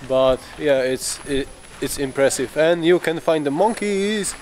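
A man, the owner of a vlog channel, chats casually toward a handheld camera outdoors at a tourist spot in relaxed, unpolished English with chatty tour-guide asides. His voice is a little high and unhurried, with a bit of hiss or hum in the recording.

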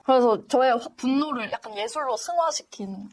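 A woman's voice: a little high, normal speed, darkish tone. A young woman YouTuber bantering playfully and cheekily as a guest, with a Gyeongsang accent. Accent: Gyeongsang Korean. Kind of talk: casual comic chat.

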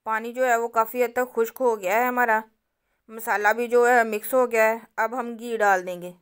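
At a normal speed, a cooking channel host narrates a home recipe step by step, speaking directly and calmly to her audience as she instructs. Her voice is smooth and on the high side.

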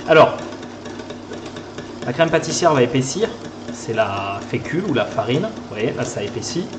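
A man's voice: mid-range voice, animated, moderate pace. A man with a Toulouse accent teaching a live pastry lesson, chatting as he whisks and stirs at the stove. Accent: Toulouse French. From southern France. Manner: chatty, talks while whisking and stirring. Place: kitchen. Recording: echoey kitchen with clear background noise.

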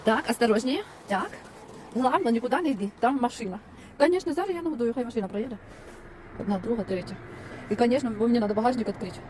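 A woman's voice: fairly high pitch, animated, racing, darkish tone. A woman vlogging outdoors by a road, cooing in sing-song baby talk while she feeds stray dogs. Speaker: volunteer feeding stray dogs. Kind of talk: casual vlog talk to dogs. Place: outdoors by a roadside dump. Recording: outdoor traffic noise. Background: passing cars and animal sounds.

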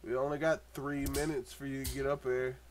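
Over crowd noise, a young man who hosts a gaming channel trades crude banter with a friend mid-game. His medium-pitched voice is brisk and flat, yet he's loud, laughing a lot and yelping suddenly at times.

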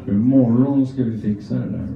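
A man's voice: medium pitch, gravelly. A middle-aged Swedish man doing a crude, rambling, self-mocking stand-up routine, talking out of one side of his mouth. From Sweden. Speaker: stand-up comedian. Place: comedy club stage. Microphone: phone camera from the audience. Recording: echoey, distant, muffled phone recording.

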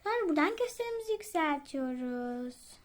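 High-voiced excitable woman gamer. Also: moderate pace. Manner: excitable, chatty, talks straight to viewers. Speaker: gaming channel host. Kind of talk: casual gameplay commentary.

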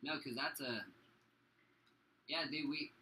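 Bright-voiced young man, bossy and joking. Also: on the high side, fairly even intonation, takes it slowly, a little hiss or hum, poor audio. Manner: bossy, laughing, swearing. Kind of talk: casual chat among friends.

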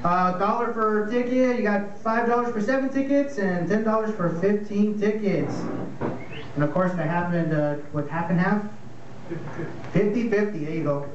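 A man with a high voice emcees a small bar comedy night, rambling loosely through announcements. He is heard from across the room, so the sound is roomy, dull and lo-fi, with a noise bed underneath. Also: normal speed. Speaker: comedy show host. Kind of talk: emceeing a comedy open mic. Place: small dim bar stage, indoors. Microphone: handheld mic, filmed by a far camera. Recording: echoey bar filmed from far, lo-fi, noisy.

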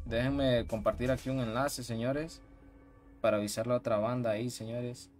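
A man streaming a fighting game live, greeting viewers by name in loose slangy banter and breaking into excited shouts. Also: mid-range voice, moderate pace, faint music behind. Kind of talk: live gameplay commentary, chatting with viewers.

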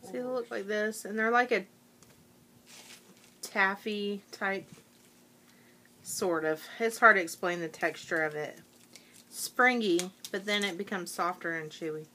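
Chatty woman with a bright, forceful voice. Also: medium pitch, a little slow, long pauses, slight background noise. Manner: rambling, many fillers, chatty. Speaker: vlogger. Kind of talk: casual chat to camera.

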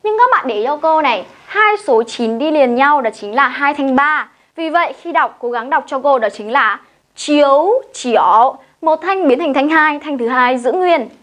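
Speaking at a normal speed with hardly any pauses, a Chinese teacher with a Vietnamese accent uses a high, expressive, fairly bright voice. Her video lesson runs like a classroom, with step-by-step explanations and drills that learners repeat.

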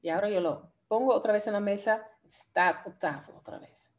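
A woman teaching an online language lesson, lively and playful, with a Dominican Spanish accent. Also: mid-range voice, moderate pace. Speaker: Dutch teacher.

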